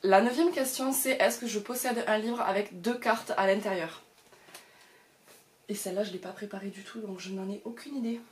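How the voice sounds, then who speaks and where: A woman's voice: mid-range voice, steady tone, normal speed, slight background noise. A woman chatting casually to the camera about her books at home, with lots of hesitations and fillers. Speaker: book vlogger.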